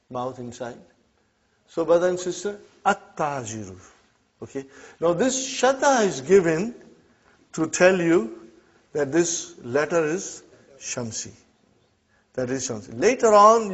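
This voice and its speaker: A man who is not a native Arabic speaker, teaching an Arabic class and checking in often with his students. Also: a little high. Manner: checks in often with "huh?" and "okay?". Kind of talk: classroom lesson. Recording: dull lo-fi classroom recording.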